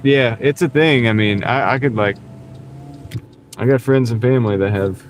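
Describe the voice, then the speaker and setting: A man with a mid-range voice talks at a normal speed, casually chatting with livestream viewers while driving deliveries, greeting people and chuckling often. He's in a car on the road, using a small wireless clip-on mic, with road noise in the background.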